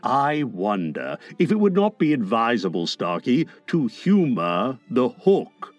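A man's voice: fairly high pitch, very animated, takes it slowly, fairly bright tone, husky, no echo, soft background music, exaggerated voice. A man voicing a cruel, mock-courteous pirate captain for a storybook, with a silky, steely, purring menace. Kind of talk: dramatised storybook reading.

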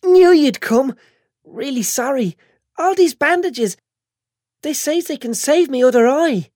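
A man voicing a bandaged young woman in a hospital bed, high and whiny. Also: animated, unhurried, a little mellow, dry recording, clean studio sound. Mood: pleading. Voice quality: high squeaky whine.

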